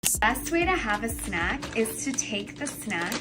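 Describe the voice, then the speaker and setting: Slow high woman under loud music. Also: big pitch swings.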